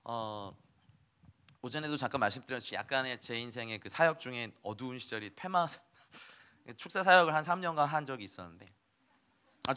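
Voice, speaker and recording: A man's voice: mid-range voice, bright, forceful tone, clear, resonant tone. A man preaching a sermon as a missionary, telling stories animatedly, acting out dialogue and laughing often.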